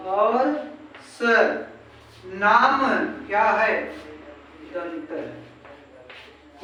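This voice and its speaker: A woman's voice: a little high, a bit bright, slight background noise. A woman teaching an exam-prep grammar lesson who keeps asking rhetorical questions, repeats herself and sounds out letters one by one. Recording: very echoey room, far from mic.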